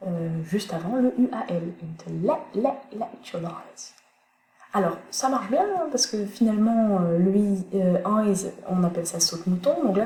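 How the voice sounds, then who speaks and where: A woman teaching English pronunciation in a recorded online lesson, thinking aloud with many pauses as she searches for words. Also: medium pitch, dark tone. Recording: echoey room, faint background noise.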